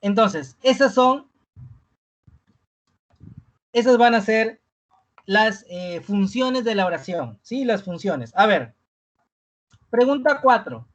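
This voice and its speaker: In dull-sounding audio, an animated teacher with a mid-range voice conducts a live online review class. Nearly every phrase finishes with an inquiring "¿no?", and key words get slow repetition for emphasis.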